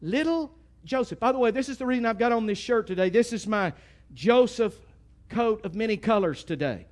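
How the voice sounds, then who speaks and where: A man with an East Texas accent preaching a sermon in a folksy, emphatic way, swinging from loud bursts to hushed asides. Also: high voice, animated, fairly quick.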